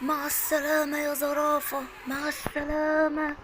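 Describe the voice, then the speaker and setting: A woman's voice: high voice, monotone, moderate pace, music in the background, close to an everyday voice. A woman with an Egyptian Arabic accent voicing a brave, protective male elephant in a storybook tale, earnest, reassuring and urgent. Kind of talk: storybook acting.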